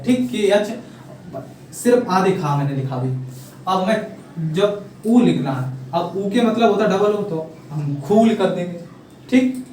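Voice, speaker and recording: High-voiced male teacher in echoey room. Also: a little mellow, a little hiss or hum. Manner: repetitive, drills letters aloud, checks on students. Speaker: English teacher. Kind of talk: classroom lesson explaining spelling. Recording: far-off echoey room with faint ambience.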